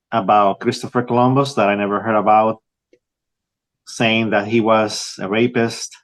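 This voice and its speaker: A younger man from Rico, answering interview questions as an author, halting with many restarts. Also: mid-range voice. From Puerto Rico. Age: young adult. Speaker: author guest.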